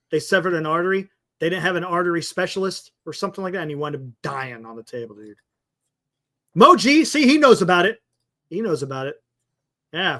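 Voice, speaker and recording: An excitable man co-hosting a laid-back sports talk show. His voice sits high and sounds bright and sharp. He laughs often and keeps tossing in "dude.". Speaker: co-host. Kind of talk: casual sports talk chat.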